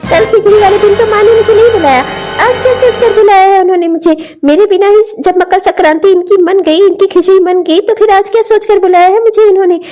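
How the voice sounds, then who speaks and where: A woman's voice: very high-pitched, fairly even intonation, brisk, warm tone, faint music behind. A woman voicing an indignant cartoon mother. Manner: indignant, arguing. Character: middle-aged mother of four daughters, quick-tempered. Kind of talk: cartoon dialogue acting.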